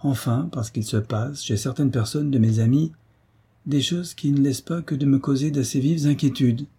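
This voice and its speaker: A man's voice: mid-range voice, moderate pace, dark tone, slightly rough. A man voicing a grave, worried young cavalry officer who speaks in a subdued way, in a read-aloud historical novel.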